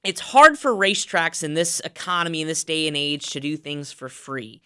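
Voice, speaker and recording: Casting: upbeat male podcast co-host, bright and crisp, emphatic racing recap. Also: on the high side, moderate pace. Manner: upbeat, emphatic, many fillers.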